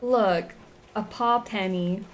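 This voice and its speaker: A woman's voice: mid-range voice, slow pace, slight background noise. A woman giving playful, casual game commentary and reading on-screen text aloud. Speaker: game streamer.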